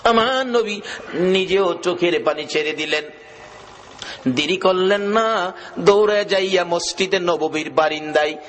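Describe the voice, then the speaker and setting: A man preaching a waz sermon, chanting in a sing-song way that rises into shouts. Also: sits high, a little slow, long pauses, slight background noise. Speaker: Islamic preacher.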